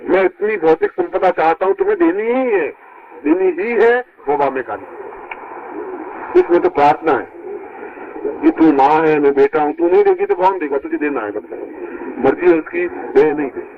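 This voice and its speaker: A man teaches his disciples in an emphatic spiritual discourse, heard from an old worn tape that sounds dull and lo-fi. His voice is somewhat high and gravelly. It swings widely and leaps upward whenever he presses a point. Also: sing-song, moderate pace, a little hiss or hum. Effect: old worn tape recording.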